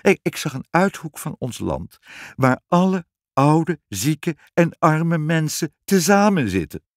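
A man voicing a soft-hearted young king who stammers through his tears. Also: fairly high pitch, very animated, slow, no room sound, studio quality, voice pushed up, full character voice. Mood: tearful. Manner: stammering, tearful.

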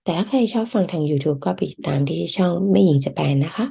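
A woman's voice: low voice, gravelly, mellow, breathy edge. A woman hosting a podcast language lesson, explaining phrases one by one and translating them. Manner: reads Japanese phrases, then translates and explains them slowly. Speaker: Japanese language teacher. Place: lives in Japan.

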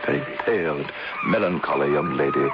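Resolute gent narrating, very low voice, 1970s radio play, muffled hiss. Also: male voice, a little fast, over loud music. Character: composed English gentleman narrator, resolute. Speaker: narrator and protagonist. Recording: hissy lo-fi vintage radio recording.

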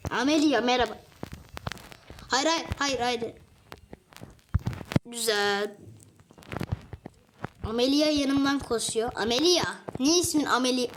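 A high-pitched woman gives excitable, casual game commentary, bursting into exasperated strings of repeated words. She records at home at her computer. The recording has a clearly audible noise bed with faint clicks behind her. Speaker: gaming channel host.

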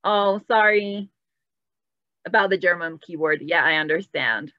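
A woman's voice: fairly low pitch, slow pace, no room sound, highs cut off. A woman teaching an online Spanish class, patient and encouraging, moving between English and Spanish as she praises students. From Latin America. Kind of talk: bilingual online language lesson.

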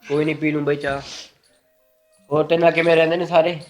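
A young man playing a mild younger brother in a family short film, soft-spoken and trying to calm things down. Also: fairly high pitch, fast, faint music behind, close to an everyday voice. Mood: placating.

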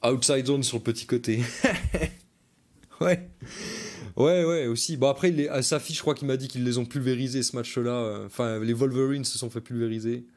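A man's voice: medium pitch, fairly even intonation, fairly quick, darkish tone. A man, coaching live as he breaks down football game film for viewers, chatty and casual, repeating his points and reading out viewer comments.

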